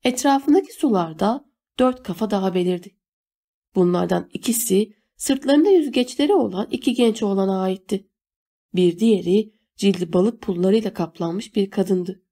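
Mellow-voiced woman narrating a novel. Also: mid-range voice, moderate pace. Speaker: audiobook narrator. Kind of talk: scripted narration.

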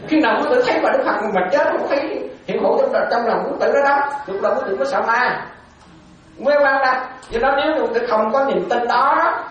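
Woman, Buddhist nun, dharma talk, repeats phrases, quizzes listeners, heavy echo, muffled lo-fi sound. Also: a little high. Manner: questions the audience often, repeats phrases, laughs lightly. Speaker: Buddhist monastic teacher. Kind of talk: dharma talk to lay followers. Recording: very echoey and distant, dull sound.

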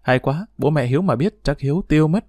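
A man's voice: a little high, quick pace, dark tone, dry recording, close to an everyday voice. A man voicing a playful, teasing teenage schoolgirl, in a story read aloud, recorded dry. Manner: teasing, coy.

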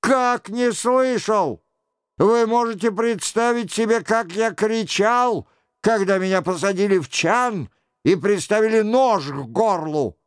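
A man's voice: a little high, animated, slow pace, smooth, no room sound, clean studio sound. A man doing a humiliated furious young courtier. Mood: angry. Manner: indignant, aggrieved.

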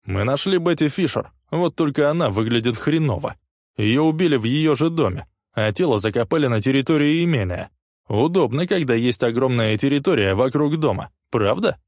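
A man doing a hoarse, snarling cop, pitched high. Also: animated, moderate pace, darkish tone, no room sound, clean studio sound, natural voice. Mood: accusing. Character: furious hoarse male police detective, snarling.

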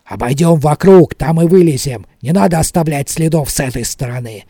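A man voicing a cautious old fisherman who speaks slowly and in a hushed voice. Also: fairly high pitch, no room sound, clean studio sound. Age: older. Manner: slow, hushed, deliberate. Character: cautious old male fisherman, calm and wary.

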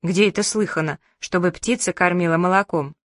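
A woman voicing a stern, sharp-tongued elderly grandmother in an audiobook, grumbling and sarcastic. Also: lowish voice, a little fast, no room sound, clean studio sound, close to an everyday voice. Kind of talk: audiobook character voice.

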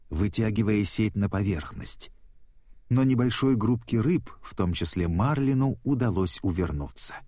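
Low voiced guy reading a kids story aloud, steady and expressive, dead dry sound. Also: dry recording. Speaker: narrator. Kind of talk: storybook narration.

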